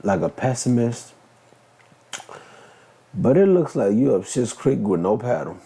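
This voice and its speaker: A man's voice: medium pitch, sing-song, measured pace, warm tone, slight background noise. A man giving joking, blunt commentary, reacting to a news clip. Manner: joking, blunt, slangy rambling with interjections. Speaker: reaction video host.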